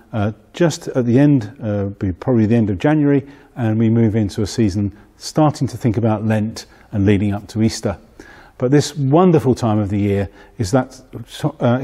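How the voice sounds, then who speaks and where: Husky, low-voiced man introducing a video. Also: dark tone. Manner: thoughtful, hesitant with fillers.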